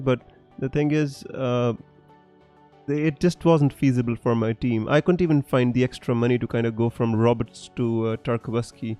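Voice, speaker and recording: A young man from Punjab, India, streams about fantasy football, chatting casually and reading comments in a mellow, mid-range voice. His mixed accent is tough to pin down, and his talk is chatty, packed with fillers and restarts and frequent laughter.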